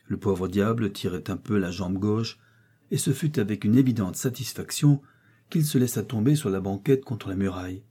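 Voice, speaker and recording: A man reading a short story aloud in measured audiobook narration. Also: lowish voice, mellow, breathy edge.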